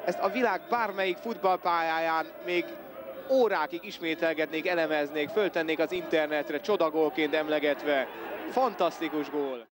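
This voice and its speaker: A man commentating on football and its replays, full of animated exclamations. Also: a little high. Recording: noisy stadium with audible crowd. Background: match crowd.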